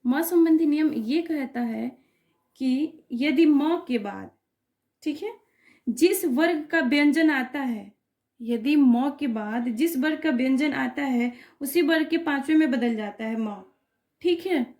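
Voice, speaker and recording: Speaking at an unhurried pace, this teacher has a high voice with a darkish tone. She patiently walks through grammar examples one by one, repeatedly asking "clear?" or "okay" to make sure the class is keeping up.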